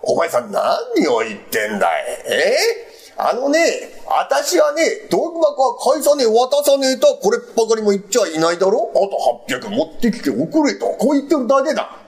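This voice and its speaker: A man's voice: very high voice, big pitch swings, moderate pace, exaggerated voice. A man voicing a stubborn, pompous elderly landlord with an old Edo Tokyo accent, drawling and mocking in rakugo storytelling. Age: older.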